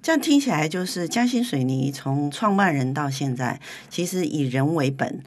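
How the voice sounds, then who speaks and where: A woman's voice: sits low, lively intonation, moderate pace. A woman hosting a conversational studio interview, restating what the guest says and putting questions to her. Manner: frequent short listening acknowledgements. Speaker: interview host. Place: recording studio.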